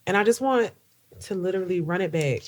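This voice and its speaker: A woman's voice: on the low side, expressive, fairly quick. A young woman from New Jersey co-hosting a podcast in casual chat, joking and laughing often. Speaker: podcast co-host.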